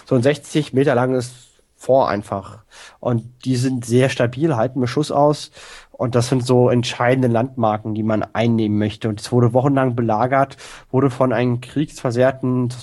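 A man co-hosting a casual history chat, explaining in a relaxed way. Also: mid-range voice, moderate pace. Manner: relaxed explaining, some fillers. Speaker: podcast co-host.

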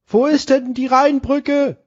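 A man's take on an old-time newsreel announcer, reciting jokes from a century ago. The voice sits high and stretched, slow and lofty. It is slightly husky and comes through a dull, lo-fi podcast microphone. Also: steady tone, full character voice. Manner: slow, drawn-out, lofty reciting in a much higher voice. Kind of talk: mock old-newsreel joke reading in a podcast.

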